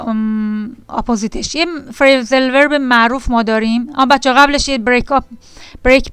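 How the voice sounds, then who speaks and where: A woman with a smooth, slightly high voice teaches an English vocabulary lesson to beginners on a dry recording. She reads definitions aloud, then explains them patiently and repetitively, speaking directly to her students.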